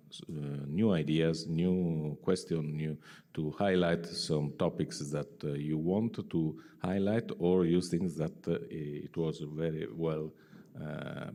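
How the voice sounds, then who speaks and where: A man's voice: very deep voice, warm tone. A man introducing a conference session, hesitant and full of "uh" fillers. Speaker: session moderator. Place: conference hall. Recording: long hall reverb.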